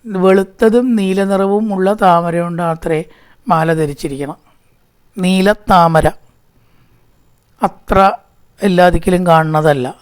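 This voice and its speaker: A man giving a scripture discourse. He intones each Sanskrit verse slowly and deliberately, then drops into an easy, talkative way of explaining its meaning. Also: high voice, smooth. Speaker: scripture teacher.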